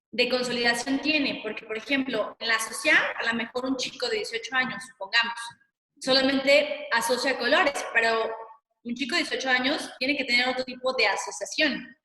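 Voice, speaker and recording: Bright-voiced woman therapist, echoey room. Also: fairly high pitch. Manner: patient, demonstrates sounds slowly. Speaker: speech therapist. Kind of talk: webinar talk, explaining. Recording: echoey room, long reverb.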